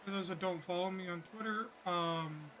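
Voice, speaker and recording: A man's voice: high-pitched, moderate pace, sharp tone, a little hiss or hum. A man streaming live, chatting casually and rambling with many fillers, a bit out of breath.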